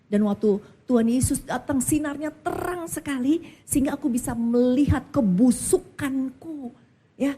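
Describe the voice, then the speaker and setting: A woman pastor voicing a remorseful husband who speaks softly and tremblingly. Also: high-pitched, normal speed, husky, voice pushed up. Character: remorseful weeping adult man.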